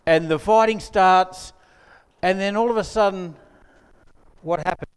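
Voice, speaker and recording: A man's voice: high voice, unhurried, clear, resonant tone. A man preaching a sermon as pastor, conversational with joking asides to the congregation, on a mic in a church hall. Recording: long hall reverb.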